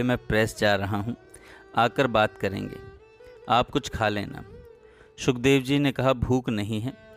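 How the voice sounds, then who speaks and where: A man narrating a devotional story in a calm, measured reading voice. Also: mid-range voice.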